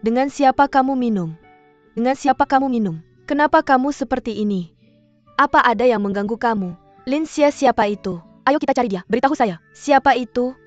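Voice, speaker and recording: A woman's voice: a little high, a little fast, lightly acted. A woman dubbing a worried young woman who keeps pressing her close friend with questions. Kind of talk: drama dub. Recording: dull dry studio dub, faint music.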